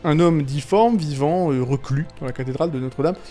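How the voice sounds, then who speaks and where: Chatty, rambling man with a slightly high voice. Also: a little fast, mellow, faint music behind. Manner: rambling, heavy on fillers and restarts, chuckling; slangy and irreverent. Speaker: YouTube film commentator. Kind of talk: casual video commentary.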